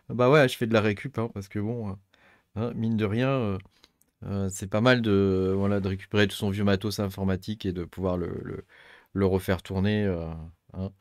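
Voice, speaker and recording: Low-voiced man rambling through a tutorial. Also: steady tone, moderate pace, no room sound, clean studio sound. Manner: rambling, thinks aloud with many fillers. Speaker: tech channel host. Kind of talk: casual screen-recorded tutorial.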